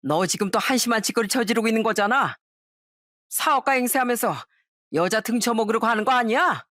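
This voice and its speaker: A woman's voice: on the high side, fairly quick, a bit bright, no echo, clean studio sound, voice pushed up, close to an everyday voice. A woman voicing an older retired male detective who taunts and interrogates a former con man. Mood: mocking scolding.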